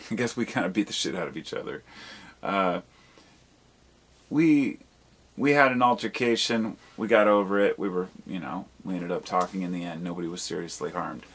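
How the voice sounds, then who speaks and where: A video blogger delivers a casual, rambling monologue, candid and freely profane, reflecting and questioning himself as he talks. His voice is deep and slightly rough with a fairly bright tone, at normal speed.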